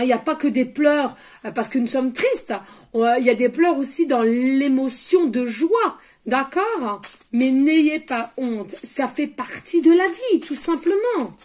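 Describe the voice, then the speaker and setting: A woman's voice: high voice, lively intonation, a little slow, a little mellow. A woman working as a medium, giving a chatty oracle card reading with frequent asides to her viewers, and dropping to a murmur when she asks the universe for messages.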